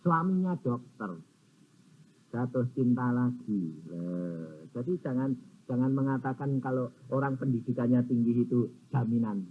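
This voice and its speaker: A man's voice: medium pitch, animated, a little slow, breathy edge. A man preaching a sermon, telling stories animatedly and acting out both sides of conversations. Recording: tinny phone-like sound with faint noise.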